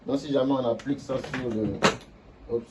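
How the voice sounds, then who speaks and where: A man's voice: mid-range voice, fairly even intonation, normal speed, very noisy. A man teaching a language lesson to viewers, explaining step by step and drawing out syllables to demonstrate tones.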